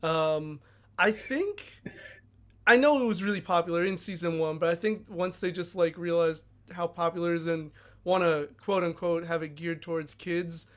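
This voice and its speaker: High-voiced, rambling man podcast co-host. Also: normal speed. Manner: thoughtful, rambling with frequent "like". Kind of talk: casual podcast chat.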